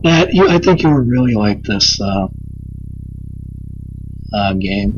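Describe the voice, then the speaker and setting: A man casually commenting on a video game he is playing, goofy and joking, often stammering and restarting, his voice slightly hoarse. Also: on the low side, sing-song, takes it slowly, dull audio, faint music behind. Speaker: gaming commentator. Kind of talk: casual let's play commentary.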